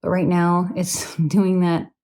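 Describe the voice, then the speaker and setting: A woman's voice: on the low side, flat delivery, slow, a little mellow. A woman giving a casual tarot reading late at night, chatty and rambling, with many fillers, and sounding tired. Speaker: tarot reader.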